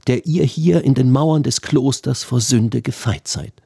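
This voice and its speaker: A man's voice: mid-range voice, unhurried, creaky, dark tone, husky, no room sound, studio quality. A man voicing a remorseful murderer who confesses in a plaintive, hesitant way, in a storybook reading.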